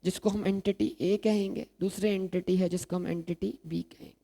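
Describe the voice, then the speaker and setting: A man's voice: high-pitched, fairly even intonation, normal speed, vocal fry, mellow. A man lecturing on accounting, asking the class questions and answering them himself while repeating key terms. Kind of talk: recorded exam-prep lecture.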